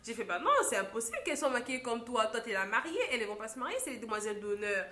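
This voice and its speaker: A young woman, a makeup artist, telling a story in a lively vlog style and acting out what others said. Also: on the high side, very fast. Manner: animated storytelling, acts out quotes. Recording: echoey room.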